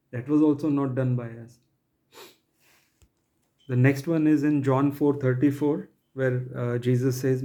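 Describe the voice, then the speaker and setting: A man preaching an online sermon, earnest and emotional, speaking in short phrases with pauses and restarts. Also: medium pitch, mellow.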